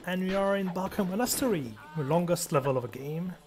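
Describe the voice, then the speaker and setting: A man speedrunning a game, making short, relaxed remarks about it as he plays. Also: high voice, brisk. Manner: brief, relaxed remarks while playing. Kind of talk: casual game commentary.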